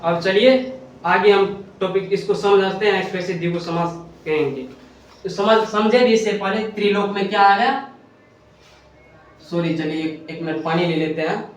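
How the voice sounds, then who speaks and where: A man's voice: high-pitched, a little slow. A man teaching a Hindi grammar lesson at a board, asking questions and answering them himself, often correcting himself. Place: classroom with a board. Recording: very echoey room, distant mic, faint hiss.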